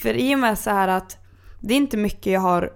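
A woman's voice: mid-range voice, vocal fry. A young woman co-hosting a podcast, chatting casually and rambling with many fillers. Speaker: podcast co-host. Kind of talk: casual chat.

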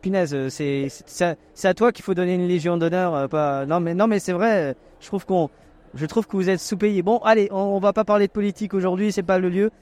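A man's voice: sits high, a little fast, darkish tone. A man hosting a podcast, chatting and teasing guests in casual interviews at an outdoor wine tasting. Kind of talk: casual vox-pop interview.

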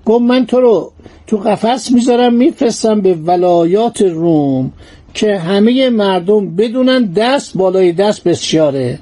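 A man's voice: high voice, animated, mellow. A man voicing a boastful male sultan who taunts his captive in a gloating, mocking manner.

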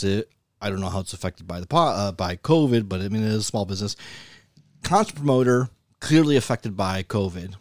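A man's voice: fairly low pitch, no room sound, clean studio sound. A man co-hosting a casual podcast, blunt and ranting, laughing often. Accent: Buffalo, New York. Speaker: podcast co-host. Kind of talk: casual comedic podcast chat.

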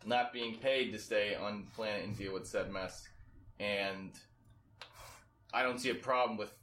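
A man playing a tabletop game, talking bluntly and casually, swearing freely and thinking out loud. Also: on the low side, steady tone, a little slow, roomy sound. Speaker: player. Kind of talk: casual chat.

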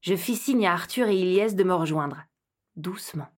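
Expressive woman narrating a children's story. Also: on the low side, a little fast. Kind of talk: scripted first-person narration for children.

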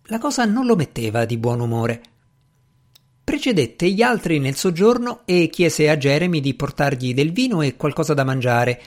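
A man narrating an audiobook in an expressive, theatrical reading style. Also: on the high side, normal speed.

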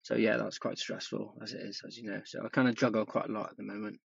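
A man's voice: fairly low pitch, level tone, fast talker, gravelly, breathy edge, dry recording, lo-fi sound. A man in his thirties from Wales, a performance coach talking casually as a podcast guest, with lots of ums and yeahs. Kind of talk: podcast interview.

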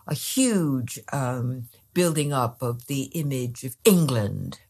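A woman with a very low-pitched voice answers interview questions as a researcher. She speaks thoughtfully and stops often to hesitate and restart. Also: expressive, slow, a little mellow, husky. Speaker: guest researcher.

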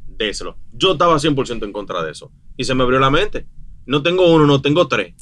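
A man, a new father chatting casually on a podcast, blunt and animated. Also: mid-range voice, quick pace. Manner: animated, blunt, mixes quoted voices into his stories. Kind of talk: casual chat.

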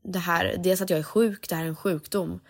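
A woman's voice: on the low side, steady tone. A young woman, a singer, telling a personal story candidly and dropping English phrases into her talk.

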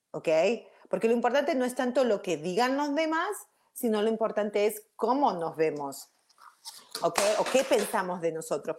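A woman's voice: mid-range voice, a little mellow. A woman giving an informal spiritual talk to viewers. She rambles with restarts, keeps checking in with 'ok?' and drops English words into her Spanish. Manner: chatty, checks in with frequent 'ok?'. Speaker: spiritual teacher.

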